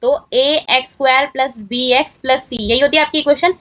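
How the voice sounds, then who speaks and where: High-voiced woman teaching maths step by step. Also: a little fast, bright, forceful tone, no echo, highs cut off. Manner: talks students through each step with repeated check-in questions. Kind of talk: exam-solution walkthrough lesson.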